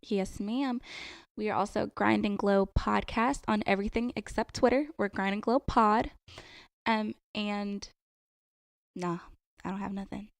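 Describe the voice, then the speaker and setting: Smooth-voiced woman podcast co-host, dry sound. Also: medium pitch, measured pace, no room sound. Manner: laughs easily, relaxed, explains with fillers. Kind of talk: casual podcast chat.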